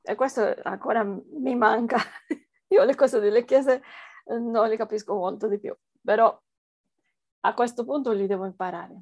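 Slow, creaky-voiced woman with foreign-accented Italian. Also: on the high side, a little mellow, dry recording. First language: not Italian, speaks it as a foreign language. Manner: hesitant, searching for words in a non-native language. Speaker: interviewed researcher. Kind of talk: conversational interview answers.

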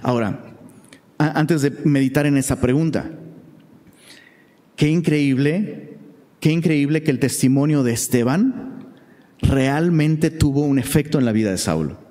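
Mexican guy giving a bible study, mellow slightly high voice, long echo of a hall. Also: a little slow, pauses often. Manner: chatty, tags sentences with rhetorical questions. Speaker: Bible teacher. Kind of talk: conversational Bible study sermon.

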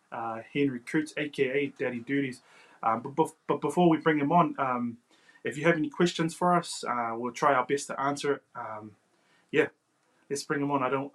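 A man's voice: mid-range voice, a bit bright. A man hosting an unscripted podcast interview in a hesitant, informal way, often saying bro and you know. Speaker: podcast host.

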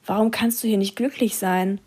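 A woman's voice: medium pitch, steady tone, moderate pace, a little mellow, slightly rough, natural voice. A woman voicing a small, curious teardrop that asks questions in a raised, searching tone and sometimes slips into a whisper. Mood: puzzled. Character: small wandering teardrop, curious and easily dismayed.

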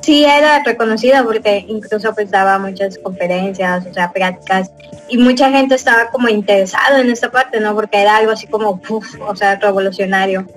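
A woman's voice: mid-range voice, brisk, faint music behind, poor audio. A young woman with a Mexican accent chatting casually as a podcast host, rambling with lots of fillers and little chuckles. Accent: Mexican Spanish. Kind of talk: casual chat.

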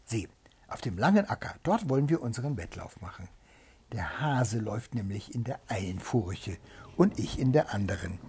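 A sly, stubborn little hedgehog with a gravelly, husky voice, as a man reads him out. He talks in a blunt, bossy way and always has a trick up his sleeve. The delivery swings up and down with life. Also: on the low side, very animated, normal speed, darkish tone, full character voice. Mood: gruff.

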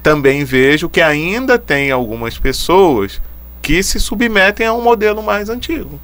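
Man thinking aloud, lively pitch. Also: measured pace. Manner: thinks aloud with hesitant restarts and frequent tag questions. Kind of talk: casual reflective conversation.

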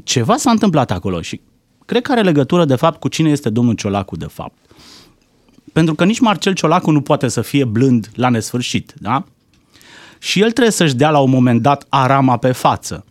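A man's voice: medium pitch, sing-song, dry recording, clean studio sound. A man in casual talk, commenting as a guest, firing off rhetorical questions.

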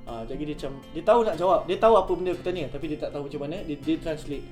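A young man with a Malaysian accent chats casually, dropping English into his lively, slangy storytelling. His voice sits a little high and moves quickly. The room is noticeably echoey, with guitar music playing underneath. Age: young adult. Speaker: storyteller in a group conversation. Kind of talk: casual chat, anecdote among friends. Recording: roomy echo, music under speech.

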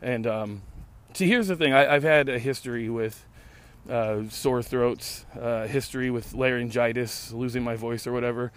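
Recorded in a park, this casual solo podcast has its late-thirties host talking at medium pitch and normal speed. He's hoarse and losing his voice, yet keeps rambling with sardonic humor and plenty of swearing.

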